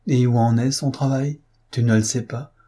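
A man's voice: mid-range voice, fairly even intonation, moderate pace, dark tone, close to an everyday voice. A man voicing a stern, loyal woman friend. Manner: stern, earnest. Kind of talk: audiobook reading.

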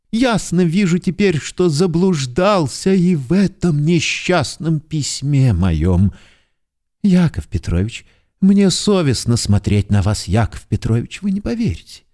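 A man's voice: mid-range voice, sing-song, measured pace, warm tone. A man voicing a timid, fawning middle-aged clerk who keeps pleading humbly and formally for forgiveness in an audiobook. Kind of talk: audiobook character voice.

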